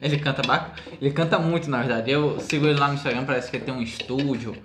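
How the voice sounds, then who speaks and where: A man's voice: medium pitch, fairly even intonation, quick pace, a bit bright. A man hosting a casual podcast, moving topics along and speaking to the listeners. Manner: steers the talk, addresses listeners. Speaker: podcast host. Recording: echoey room, faint noise.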